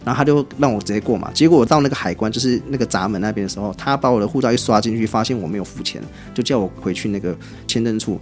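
A man with a Taiwanese Mandarin accent, a guest on a podcast, telling travel anecdotes in a chatty, animated way. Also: fairly low pitch, racing, few pauses, soft background music. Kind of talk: casual podcast storytelling.

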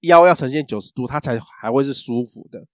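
A man's voice: mid-range voice, quick pace, no room sound, clean studio sound. A man, co-hosting a casual podcast chat and telling a rambling story full of fillers and restarts. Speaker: podcast co-host.

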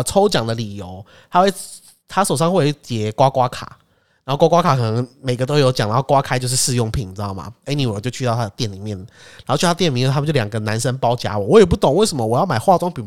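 A man's voice: mid-range voice, fast. A man in his twenties with a Taiwanese Mandarin accent, chatting casually and telling stories animatedly. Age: 20s. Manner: animated storyteller, acts out other people's lines. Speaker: podcast co-host. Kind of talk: casual chat.

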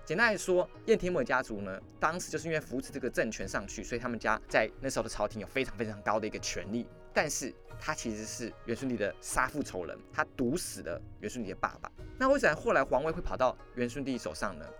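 A man hosting a history podcast, telling the story in a lively, conversational way with asides to the listener. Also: mid-range voice, quick pace, hardly any pauses. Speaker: podcast host. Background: faint background music.

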